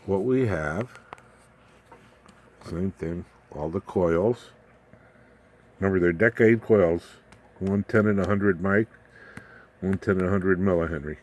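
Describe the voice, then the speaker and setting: Speaking slowly with long pauses, a very deep-voiced man presents a casual hands-on electronics demonstration, folksy, rambling and plain-spoken. His tone is darkish and the highs are cut off, with audible background noise and room ambience.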